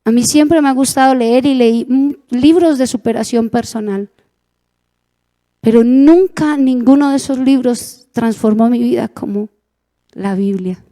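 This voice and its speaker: Slow high-voiced Colombian woman preaching. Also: warm tone. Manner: earnest storytelling, acts out dialogue. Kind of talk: sermon testimony.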